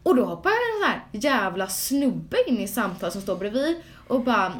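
A young woman, co-hosting a podcast and telling a story in casual chat, acting out the quotes as she goes. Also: mid-range voice. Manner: animated storytelling with acted-out quotes. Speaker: podcast co-host.

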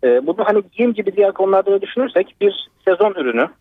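Give me a husky man calling in over a landline phone, hesitant and full of fillers, his pitch rising and falling a lot. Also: lively intonation, racing, no room sound. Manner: hesitant, long winding sentences. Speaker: radio caller. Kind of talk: call-in opinion, many fillers. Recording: tinny dry phone line.

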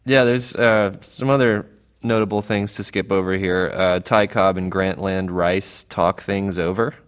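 Very deep-voiced man, smooth. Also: unhurried. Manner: relaxed, reads out film listings with many fillers. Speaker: podcast co-host. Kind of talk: casual podcast chat.

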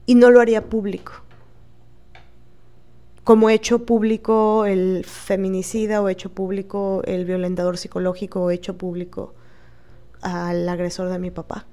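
A woman's voice: on the high side, dark tone. Earnest Mexican woman podcast host. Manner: earnest and emphatic, often asking questions of herself and others. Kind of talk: reflective podcast talk.

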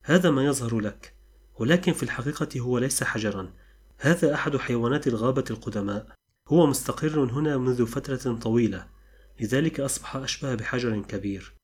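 A man voicing an old male gorilla who calmly explains the forest's ways in a storybook. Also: medium pitch, fairly quick, breathy edge, natural voice. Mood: calm explaining. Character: old male gorilla, calm and worldly guide.

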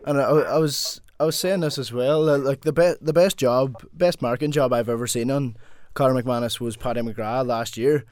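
A man with a Donegal Irish accent hosts a casual sports chat in a dry, close sound. He speaks haltingly, doubling back on his words as he forms a point. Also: medium pitch, darkish tone, dry recording. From Donegal, Ireland. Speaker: podcast host.

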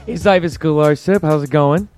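A man hosting a sports podcast in casual, joking banter, his voice hoarse and worn out from yelling. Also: a little high, normal speed, faint music behind.

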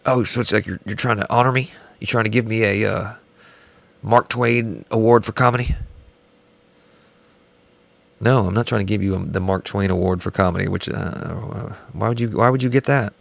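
A man joking through casual comedic banter, rambling deadpan through absurd bits. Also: on the low side, normal speed, vocal fry, dry recording.

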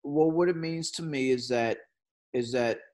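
A man talking casually in a conversation, earnest and given to repeating words as he searches for a thought, now and then breaking into fast bursts. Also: on the high side, darkish tone.

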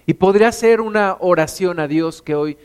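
A man with a Mexican accent preaching a sermon, telling stories with lively acted quotes. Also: high voice, moderate pace, smooth. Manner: animated storytelling with acted quotes.

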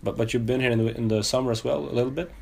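A man's voice: medium pitch, steady tone, racing, vocal fry, breathy edge. A man with a Swedish accent hosting a casual podcast interview, hesitating often with fillers and restarts. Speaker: podcast host.

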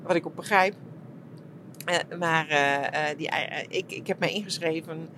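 Woman, middle-aged, lowish voice, soft, hesitant, reflective, faint background noise. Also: fairly even intonation, unhurried. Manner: soft, searching, many fillers and restarts. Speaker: shiatsu practitioner and podcast host. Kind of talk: reflective personal monologue.

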